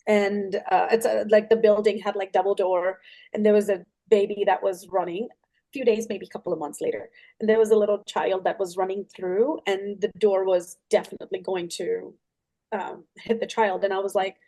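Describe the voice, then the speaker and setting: A woman, a pediatric dentist, telling a personal story in an interview with many fillers, putting on lively quoted voices. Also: medium pitch, normal speed.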